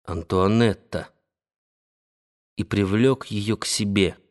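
A man reads a classic novel aloud as an audiobook. His medium-pitched voice tells the story in a measured, even way.

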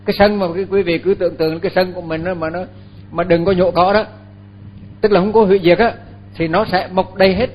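An older man, a Buddhist monk, giving a dharma talk in an unhurried, halting way with many fillers and repeated words. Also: sits high, steady tone, a little mellow, a little hiss or hum.

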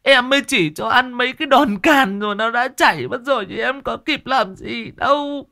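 A loud sobbing village widow. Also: male voice, extremely high pitch, normal speed, gravelly, pitched above the performer's own voice, exaggerated voice. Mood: sobbing plea.

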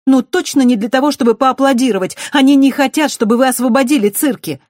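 A flustered, apologetic young woman biker, talking fast and a good deal higher than the reader's own voice, as an audiobook reader puts her on. The recording is dry and close-miked. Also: dry recording, lightly acted. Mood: urgent. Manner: embarrassed, hurried, high and bright.

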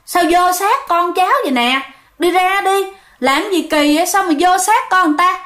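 A woman's voice: very high voice, moderate pace, a bit bright, pitched above the performer's own voice. A woman with a Southern Vietnamese accent voicing a stern elderly foster grandmother who scolds a spirit. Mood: scolding. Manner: scolding, demanding.

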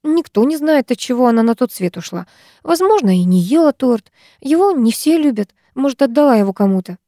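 A woman narrator voicing a practical sister-in-law who speaks quickly and reassuringly. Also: sits high, expressive, warm tone, no echo, studio quality, pitched above the performer's own voice. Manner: quick, reassuring, matter-of-fact. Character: brisk, practical sister-in-law, soothing but firm.

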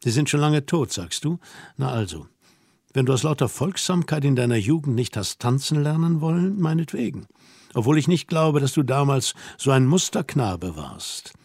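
A man reading an audiobook voices a young woman who teases and orders her companion about, asking brisk, mocking questions. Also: mid-range voice, very animated, a little mellow, breathy edge, no room sound, studio quality. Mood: scolding. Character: young woman, teasing, bossy and self-assured. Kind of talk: audiobook dialogue.

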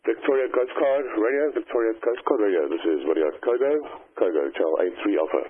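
Low raspy guy on a marine radio call, calm, thin tinny radio sound. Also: a little fast. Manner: calm, plain radio procedure with fillers. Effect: marine VHF radio transmission. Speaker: yacht crew member calling the coast guard. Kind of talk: radio call reporting an incident. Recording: narrow-band marine radio.

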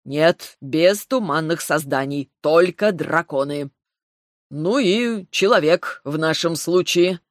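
A woman voicing a stern, commanding male dragon who scolds gruffly in an audiobook. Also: low voice, takes it slowly, no room sound, studio quality.

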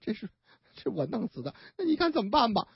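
A woman's voice: on the high side, fast, gravelly, husky, dry recording, heavily acted. A woman playing a cold, callous young woman. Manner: flat, offhand and unfeeling. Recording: dull, dry lo-fi radio broadcast.

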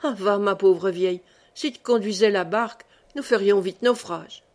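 A woman's voice: mid-range voice, moderate pace, darkish tone, natural voice. A woman reading the part of a pompous, sullen provincial husband with a curt, condescending manner, for an audiobook.

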